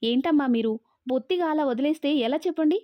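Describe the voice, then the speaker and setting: A woman's voice: sits high, fast, no room sound, close to an everyday voice. Woman doing a blunt, loyal housemaid. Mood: disapproving. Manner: deferential yet blunt. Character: loyal, outspoken older housemaid. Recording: dull, dry lo-fi audio.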